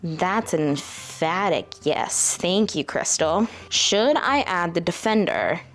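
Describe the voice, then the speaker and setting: A woman with a fairly low voice hosts a casual book vlog. She talks chattily and directly to her viewers, and she also speaks aloud to her crystal pendulum as she asks it questions. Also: lively intonation, slow, soft background music. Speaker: book vlogger.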